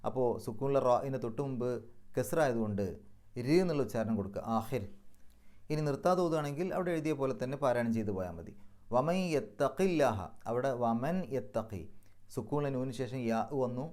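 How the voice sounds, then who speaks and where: A man teaching Quran recitation rules in a methodical lesson, slowing down to recite and stretch example phrases. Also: mid-range voice, expressive, a little mellow. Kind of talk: tajweed lesson.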